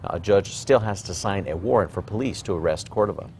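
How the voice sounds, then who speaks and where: A man's voice: sits low, fast, a little mellow, slight background noise. A man anchoring television news, reading scripted stories.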